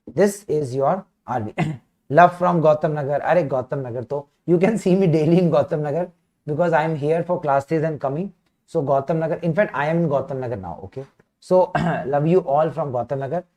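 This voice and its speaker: A man with a north Indian accent giving an informal live online medical lecture, repeating phrases, checking in with students and often clearing his throat. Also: fairly high pitch, brisk, a little mellow. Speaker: medical teacher.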